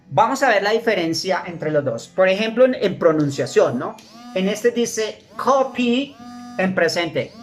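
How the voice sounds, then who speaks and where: A woman teaching English grammar, slowly repeating English words for her students to drill. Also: fairly low pitch. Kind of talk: classroom grammar lesson.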